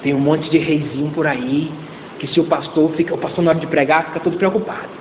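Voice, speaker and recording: A male pastor preaching a sermon in a lively, joking way, calling out to the congregation for responses. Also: on the high side, quick pace, background noise. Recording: echoey church hall over a tinny lo-fi line.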